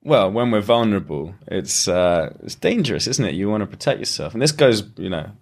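Deep-voiced man, thoughtful and unhurried. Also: animated, gravelly. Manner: thoughtful, explains at length with frequent restarts. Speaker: podcast guest, lyricist. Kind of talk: reflective conversational interview.

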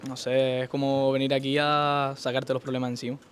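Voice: medium pitch, little pitch movement, a little fast, a little hiss or hum. A first-year carnival group member giving short, earnest answers in an interview.

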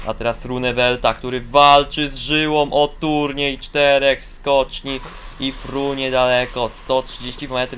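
A man calls ski jumping in a video game, his voice at an ordinary middle pitch. He breaks into high, excited shouts on the long jumps and stumbles over fillers and restarts. A faint hiss sits under the voice.

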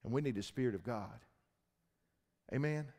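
A man preaching a sermon, swinging between loud shouting and low, intense talk. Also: moderate pace, creaky. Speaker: pastor. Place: church hall. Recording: long church reverb.

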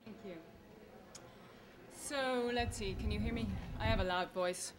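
At a book launch held at an institutional venue, a woman speaks live as the author, earnest, grateful and emphatic. Her voice is fairly high and her pace measured, with slight background noise.

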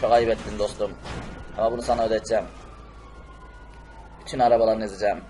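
A man's voice: on the low side, little pitch movement, quick pace, mellow, a little hiss or hum, natural voice, rough recording. A man voicing a furious male superhero who rants angrily and repeats his threats. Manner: angry, repetitive ranting. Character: furious male superhero ranting about revenge.

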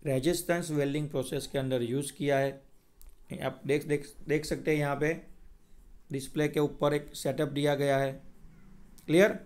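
A man's voice: fairly high pitch, darkish tone. A man with a Gujarati accent lecturing over slides, explaining steadily and often checking whether students follow. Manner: explains in Hindi mixed with English terms, checks "clear?". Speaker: teacher. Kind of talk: screen-recorded lecture.

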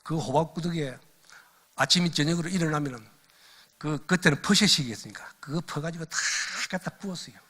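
A man's voice: fairly high pitch, brisk, husky. An older man, a missionary, giving a lecture full of personal stories that he tells with animation and laughs at along the way. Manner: animated storyteller who laughs at his own stories.

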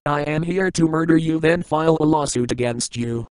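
A man's voice: on the high side, moderate pace, clear, resonant tone, lightly acted. A man's synthetic speech voice playing a rude, threatening cartoon computer assistant. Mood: menacing.

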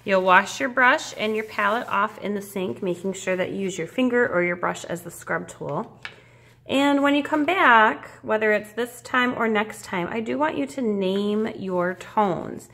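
Speaking at a medium pitch in a slightly bright, creaky voice, a female art teacher takes her time through a relaxed, step-by-step demonstration. She keeps it informal, encouraging and reassuring.

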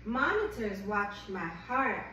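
Her voice is mid-range but swings widely in pitch, slow, pushed and bright, as she hosts a read-aloud chat for young children. Reading a picture book with eager encouragement, she repeats words for the kids, recorded from afar in a noisy, echoing room.

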